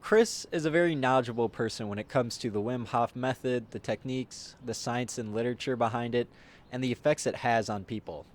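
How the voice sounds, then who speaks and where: A man's voice: mid-range voice, a little mellow, a little hiss or hum. A man giving a reflective, explanatory vlog voice-over. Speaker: vlog narrator.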